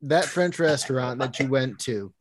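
A man's voice: mid-range voice, animated, normal speed. A man co-hosting a podcast, dropping dry wisecracks into casual chat. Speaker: podcast co-host.

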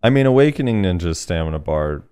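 A man's voice: low-pitched, animated, quick pace, warm tone, smooth. A man hosting a casual podcast, reading listener comments aloud in a laid-back way with plenty of fillers. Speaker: podcast host.

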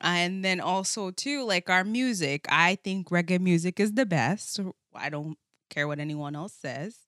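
Woman, lowish voice, rambling chat full of fillers, dry sound. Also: expressive, a little slow, fairly bright tone, no echo. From Jamaica. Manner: rambling, hesitant, many fillers. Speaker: podcast guest. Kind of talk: casual chat.

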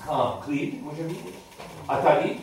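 A man leads a class with questions, haltingly and repeating himself in simple phrases. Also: a little high, vocal fry, a little mellow. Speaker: teacher leading a Bible study class. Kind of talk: interactive lesson with questions to the group. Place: echoey room with a group. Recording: very echoey room, distant mic, faint noise.

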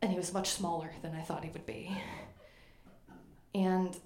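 A woman's voice: lowish voice, flat delivery, moderate pace, darkish tone, roomy sound, a little hiss or hum. A woman telling a self-deprecating comic story on stage, acting out other people's voices. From Maine. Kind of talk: live comedic storytelling.

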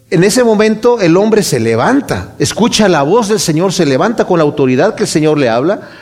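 A man's voice: high voice, darkish tone. A man preaching a sermon, explaining a Bible passage with rhetorical questions and shifting emphasis.

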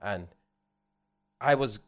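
A man's voice: fairly low pitch, animated, drawn-out words. London roadman telling it emphatically. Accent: London, urban street. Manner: emphatic street slang, roadman talk. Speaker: podcast co-host. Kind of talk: casual anecdotal chat.

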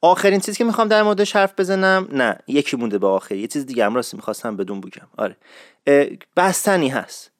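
A man's voice: mid-range voice, expressive, dry recording, studio quality. A man, talking casually and with enthusiasm, repeating his main points. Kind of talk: casual recommendation talk.

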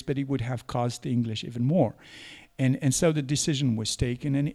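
A man giving scholarly interview answers in a halting, deliberate manner, searching for words. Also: medium pitch, darkish tone. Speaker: interview guest, historian.

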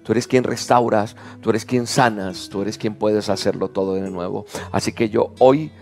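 A man's voice: lowish voice, steady tone, moderate pace, gravelly. A man leading a fervent spoken prayer as a pastor, with repeated rhythmic phrases. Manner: fervent, repetitive prayer cadence. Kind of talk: prayer over soft music. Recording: faint background music. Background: soft instrumental music.

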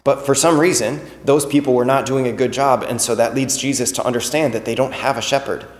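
A man's voice: medium pitch, fairly even intonation, fairly quick. Man preaching casually in an echoey church. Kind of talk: conversational sermon. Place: large reverberant church interior. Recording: echoey hall with long reverb.

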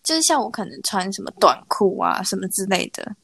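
Lively, teasing Taiwanese woman, dry sound. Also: mid-range voice, vocal fry, slightly rough, no echo. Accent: Taiwanese Mandarin. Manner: teasing, quick interjections, laughs often. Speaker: podcast co-host. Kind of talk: casual chat.

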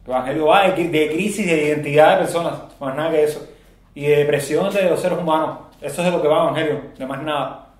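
A man fires off blunt, emphatic claims at speed, repeating himself for force. His voice sits a little high for a man. The room around him is echoey. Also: quick pace. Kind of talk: heated casual debate.

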